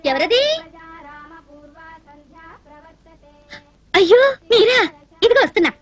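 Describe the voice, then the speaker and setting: An actress dubbing an innocent, eager young woman hoping to marry, sweet and quick to tears. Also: very high voice, expressive, no echo. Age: young adult. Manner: innocent, eager, easily tearful. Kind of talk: dubbed film comedy acting.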